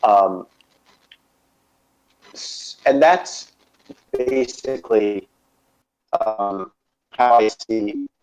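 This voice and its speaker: A man co-hosting a casual gaming podcast, talking haltingly with many fillers and restarts. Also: lowish voice, darkish tone, clean tone. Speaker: podcast co-host. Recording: dull lo-fi podcast audio.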